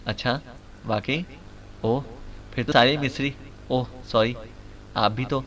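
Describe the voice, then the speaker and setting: A man's voice: mid-range voice, fairly even intonation, a bit bright, distant mic, slight background noise, lightly acted. A man voicing a playful young male secret agent who banters in a teasing, mock-bashful way.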